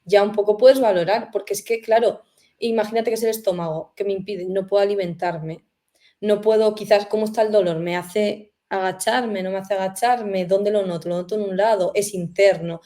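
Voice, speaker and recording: A woman's voice: mid-range voice, fairly even intonation, normal speed, dark tone. A woman hosting a conversational interview, reflective and full of rhetorical questions. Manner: reflective, uses many fillers and rhetorical questions. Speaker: host.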